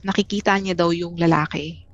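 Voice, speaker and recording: Halting, soft-pitched woman telling a story. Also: steady tone, no room sound, lo-fi sound. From Philippines. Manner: halting, many restarts and fillers. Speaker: interview guest. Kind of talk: casual storytelling.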